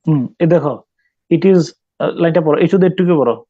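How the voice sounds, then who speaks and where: A male teacher giving a classroom poetry lesson, questioning students and pausing often to search for words. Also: a little high, no echo, narrow, tinny audio. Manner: stops to quiz students, mixes English terms, many hesitations.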